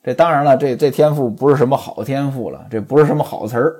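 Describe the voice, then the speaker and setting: A man's voice: medium pitch, quick pace, a little mellow, husky. A man retelling and commenting on a classic novel in a chatty way, often turning to speak straight to his listeners. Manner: chatty, addresses listeners directly. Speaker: storyteller and commentator.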